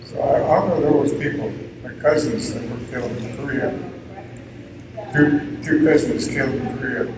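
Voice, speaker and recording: A man in his nineties speaks to a gathering as a veteran, in a plain, halting way with short phrases. His voice sits at an average pitch. It comes from some distance in a very echoey space, with clear noise behind it. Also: fairly even intonation. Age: 90s. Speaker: army veteran giving a speech. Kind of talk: informal commemorative speech to an audience. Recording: echoey, distant, noisy event PA recording.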